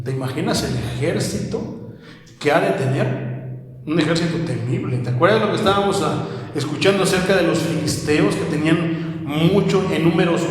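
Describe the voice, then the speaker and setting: A man with a Mexican accent, preaching a sermon as a pastor in a small house of prayer, asking the congregation many rhetorical questions. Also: fairly high pitch. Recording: echoey hall with long reverb.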